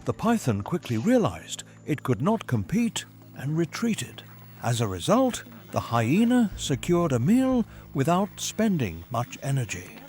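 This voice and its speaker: A man reads scripted nature documentary narration in a measured, formal storytelling manner. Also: fairly high pitch, wildly swooping pitch, darkish tone. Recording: music behind the voice. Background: background music.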